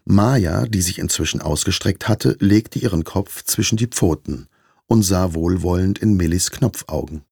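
A man narrating a storybook in an expressive, measured way. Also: low-pitched, gravelly, slightly rough, dry recording, clean studio sound. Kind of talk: storybook reading.

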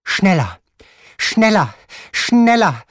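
A man voicing an imperious elderly grandmother at the gaming table in an audiobook, giving shrill, impatient orders. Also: measured pace, dry recording, studio quality. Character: imperious old grandmother gambler, commanding. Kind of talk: audiobook reading.

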